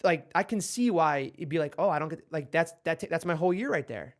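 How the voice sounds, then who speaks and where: He sounds animated and brisk, with a voice on the high side. A twenty-something man co-hosting a podcast in Los Angeles, he rambles casually and keeps restarting.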